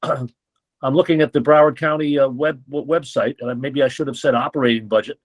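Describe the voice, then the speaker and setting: Halting, polite man moderating an interview. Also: mid-range voice, fairly even intonation. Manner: halting, restarts questions, polite. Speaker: editorial board interviewer.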